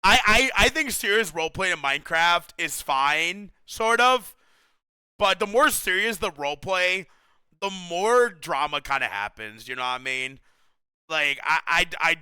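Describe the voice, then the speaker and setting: A young male streamer with a high, very lively voice that jumps all over the place. His tone is bright and sharp, and his speech comes through smooth and clear on a close mic. He chats excitably with viewers in slangy, casual talk. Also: no echo. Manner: excitable, slangy, says bro a lot, laughs often.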